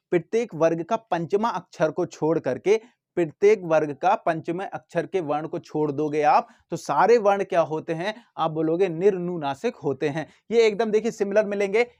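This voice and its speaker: Man teaching, quizzing and answering himself. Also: high voice. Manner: asks questions and answers them himself; repeats words and sounds slowly to demonstrate. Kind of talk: classroom lesson.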